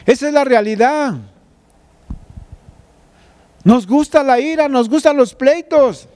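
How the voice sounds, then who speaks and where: A pastor, a man with a very high, darkish voice, preaches slowly, retelling a scripture story conversationally and speaking straight to the listener as "tú."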